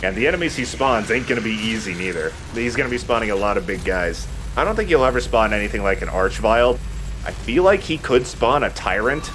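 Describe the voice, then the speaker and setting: Talking a little quickly in a fairly low, expressive voice, this man hosts a let's play. He jokes dryly and casually about the video game, with loose phrasing and occasional mild profanity, while background noise comes through clearly.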